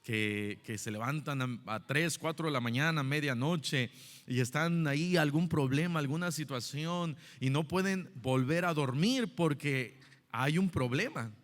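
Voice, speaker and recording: Storytelling pastor in a reverberant church. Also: male voice, fairly high pitch, a little slow, fairly bright tone. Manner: conversational storytelling with many fillers and restarts. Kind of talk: Sunday school sermon. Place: church hall. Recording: long hall reverb.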